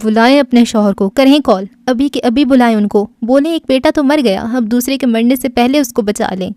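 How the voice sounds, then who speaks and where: A woman voicing a fragile, volatile young man who is crying, pleading and shouting in despair. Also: on the high side, no echo, studio quality, lightly acted. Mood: screaming rage. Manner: sobbing, pleading, frantic.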